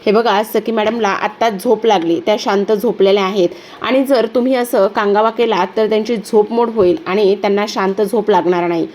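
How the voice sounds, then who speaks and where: A woman reading the lines of a polite young man in a TV serial recap, calmly reasoning with others. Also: medium pitch, moderate pace, hardly any pauses, close to an everyday voice. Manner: calm, reasoning. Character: polite, calm young man protecting a patient.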